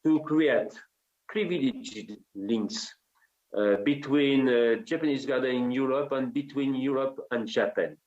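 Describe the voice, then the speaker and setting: A French man speaking English with a French accent, giving a halting conference presentation full of hesitations. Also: medium pitch, darkish tone. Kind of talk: formal conference talk. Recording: dull lo-fi audio.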